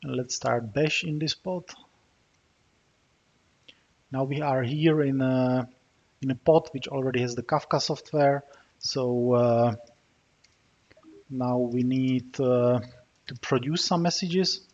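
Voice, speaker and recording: This is a screencast walkthrough by a software developer from the Czech Republic, who narrates a tool demo as he types in the terminal. His mid-pitched, darkish voice stays fairly even and slow, with long pauses and frequent "uh" fillers. Keyboard clicks run under the somewhat dull, muffled audio.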